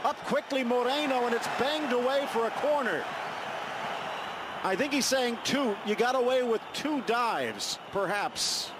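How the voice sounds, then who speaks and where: Man calling football over loud stadium noise. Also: very high voice, animated, measured pace. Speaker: play-by-play football commentator. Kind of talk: live sports commentary. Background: football stadium crowd.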